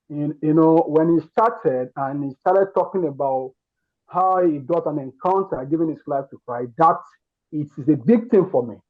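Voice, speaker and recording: A Nigerian man with a Yoruba accent and a notably high-pitched voice gives feedback as a participant in an online masterclass. He speaks earnestly and emphatically, as if testifying to a group, repeating words and phrases to stress his points. The sound is dull and lo-fi, like an online call.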